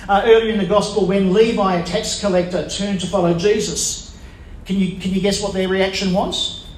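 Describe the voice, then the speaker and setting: A man preaching a sermon who puts questions to the congregation and lets pauses land for emphasis. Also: high voice, steady tone, a little mellow, slight background noise. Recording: echoey room with faint ambience.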